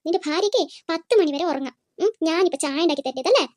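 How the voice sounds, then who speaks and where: A woman's voice: very high-pitched, lively intonation, quick pace, background noise. A woman voicing a bossy, self-pitying old mother-in-law in a cartoon, scolding and sarcastic as she complains. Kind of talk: cartoon voice acting.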